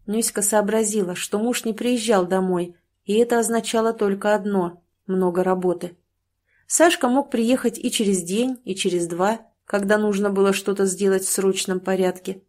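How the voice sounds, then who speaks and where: A woman narrating an audiobook in a calm, measured storytelling manner. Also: mid-range voice. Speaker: audiobook reader.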